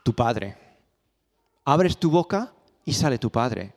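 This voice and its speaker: Preacher in an echoey hall. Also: male voice, mid-range voice, big pitch swings, slow, darkish tone. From Spain. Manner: storytelling, rhetorical questions, repetition. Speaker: pastor. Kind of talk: sermon. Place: church hall.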